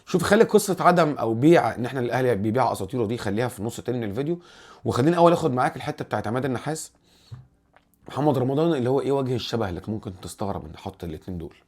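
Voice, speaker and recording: A man with an Egyptian accent hosts a casual football commentary vlog, speaking at a racing pace in a medium-pitched voice. He's animated and rambling, often restarting his words.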